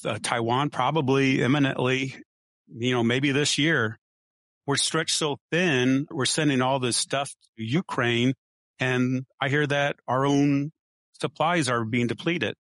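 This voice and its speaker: A man's voice: mid-range voice, fairly bright tone, no echo. A man arguing politics as a guest, pushing his points and running through statistics. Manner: argumentative, runs through statistics. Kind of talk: casual political debate.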